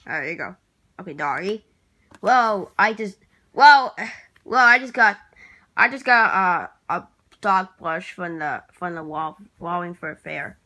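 A woman vlogging casually in a hesitant, rambling way, restarting her words, clearing her throat and apologizing often. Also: lowish voice, bright, forceful tone. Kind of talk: casual vlog talk while working at a computer.

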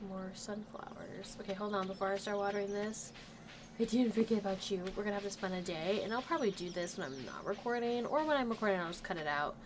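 Her cold hasn't fully cleared, so this gaming channel host's medium-pitched voice carries a slight nasal quality as she quickly chats her way through a casual let's play, talking to the characters. Game music and background noise are audible.

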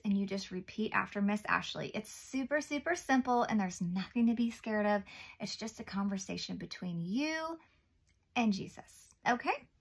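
Seated at a table in a small indoor room, a woman in her thirties reads a Bible lesson to young children and explains it. Her voice is medium in pitch with vocal fry. She uses simple, encouraging words, as if reading to a toddler.

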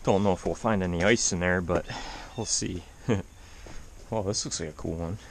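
Inside a limestone cave, a vlogger talks casually to his handheld camera, thinking aloud as he explores. His voice is low-pitched with vocal fry and a moderate pace, and there's a little hiss or hum on the recording.

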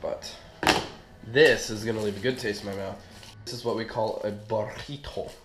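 Filming indoors in home kitchens and a gym, this young fitness vlogger talks to the camera in a casual, slangy way. His voice is lowish with fairly even intonation at a normal speed, and the short-range action camera picks up a roomy echo and clear background noise.

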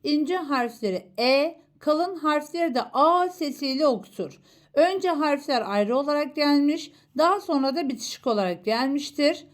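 A woman teaching a Quran reading lesson, slowly and patiently sounding out letters one by one. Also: sits high, lively intonation. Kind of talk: slow recitation lesson.

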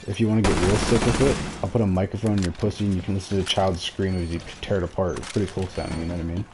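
A man chatting crudely in a deadpan way with friends while gaming. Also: low-pitched, racing, heavy background noise. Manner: crude, deadpan shock humor. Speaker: gamer. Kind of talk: casual chat over voice chat while gaming.

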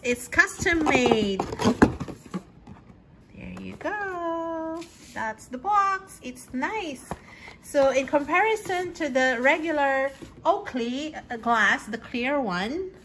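A woman casually unboxing sunglasses at home, chatty and excited with lots of fillers. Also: sits high, slight background noise, low-quality recording. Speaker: vlogger. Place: home kitchen.

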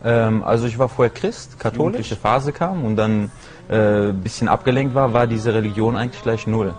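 A man's voice: on the low side, brisk, a little mellow. A man in his twenties telling his story in a casual, hesitant way, seated indoors on a lapel mic. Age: 20s. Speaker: interviewee. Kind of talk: personal testimony.

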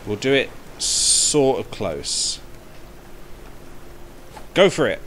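A streamer in his thirties talks to himself in a chatty way while playing, recorded on a headset mic with game music underneath. His mid-range, slightly bright voice is sing-song and extremely slow, with a little hiss or hum in the background.

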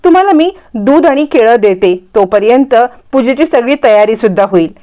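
Woman reading as an old grandma giving kindly instructions, high voice. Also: animated, moderate pace, mellow, muffled recording, natural voice. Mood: instructing. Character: elderly grandmother running a household puja.

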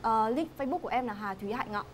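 A young woman with a Northern Vietnamese accent speaks quickly in a fairly high voice. She is a polite game show contestant, recorded with slight studio noise. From Hung Yen, northern Vietnam. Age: young adult. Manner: polite, addressing host deferentially.

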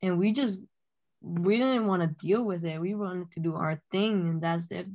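This young Honduran climate activist has a fairly low, darkish voice and talks at a normal speed. Calling in by laptop webcam from her bedroom, she earnestly shares her activist story in a casual way, peppered with plenty of "um"s and "like"s.

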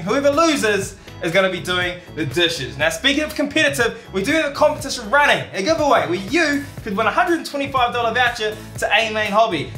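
A man with a New Zealand accent hosting a radio-control car vlog, joking and excitable with competitive banter. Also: very high voice, echoey room. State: out of breath. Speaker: RC vlog host. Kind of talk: energetic casual vlog talk. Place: outdoors in a car park.

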